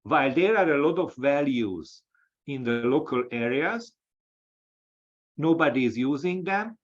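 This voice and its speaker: A man from Hungary with a Hungarian accent, an associate professor giving a lecture-style webinar talk, speaking haltingly with many restarts over a video call. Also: medium pitch, expressive. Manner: halting, with frequent restarts and fillers. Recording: dull, lo-fi audio.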